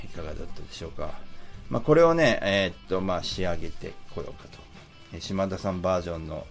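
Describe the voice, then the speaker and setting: Middle-aged man, low voice, chatty, casual storytelling, faint music behind. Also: gravelly. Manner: chatty, with filler words and acted-out quotes. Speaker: musician and travel vlogger.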